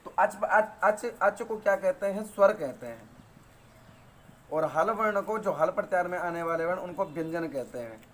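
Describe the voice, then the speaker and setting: A man's voice: sits high, animated, a little hiss or hum. Patient Hindi-speaking man teaching grammar. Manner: patient, repeats terms and counts out vowels slowly. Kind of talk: spoken lesson, explaining sutras.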